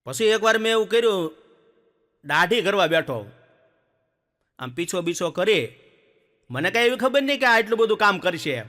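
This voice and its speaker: Brief: male stand-up storyteller, high bright voice, lively village yarns, stage hall reverb. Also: normal speed, pauses often. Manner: lively joke-telling, acts out villagers and animals. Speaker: stand-up comedian. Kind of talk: folk comedy storytelling.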